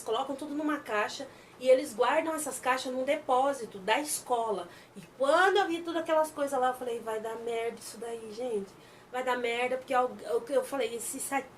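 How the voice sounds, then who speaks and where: A woman with a Brazilian accent casually retelling a drama episode, acting out the characters' lines in quick changing voices. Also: high voice, slight background noise. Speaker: drama recap vlogger.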